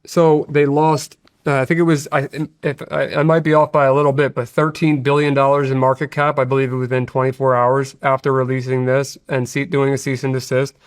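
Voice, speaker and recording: A man's voice: mid-range voice, level tone, a little fast, dry recording, studio quality. A man, a guest in an interview, explaining at length in an earnest way, often restarting his sentences. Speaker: guest, hacker. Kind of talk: interview conversation. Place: studio.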